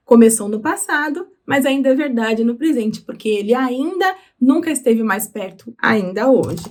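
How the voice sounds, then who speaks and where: A woman with a Brazilian Portuguese accent teaching English through song lyrics, explaining patiently and slowing down on words. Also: fairly high pitch, darkish tone. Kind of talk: explaining lyrics in a language lesson.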